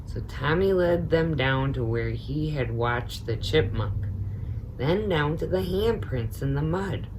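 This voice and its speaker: Reading slowly and with animation, this woman, a storyteller and teaching assistant, performs a children's picture book and slips in her own informal remarks. Her voice is low-pitched and expressive. Background noise is noticeable in the recording.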